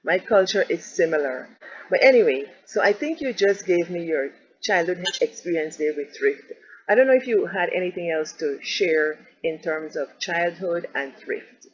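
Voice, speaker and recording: Lively-pitched interviewer on dull lo-fi audio. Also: moderate pace. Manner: encouraging, with short backchannel replies. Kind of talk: casual interview.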